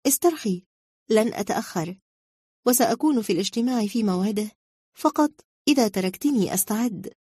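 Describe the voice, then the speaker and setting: A woman's voice: fairly high pitch, expressive, a little fast, pauses often, warm tone, slightly rough, no echo, studio quality. A woman voicing a restless young man who banters playfully and defensively, reading a storybook role. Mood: reassuring.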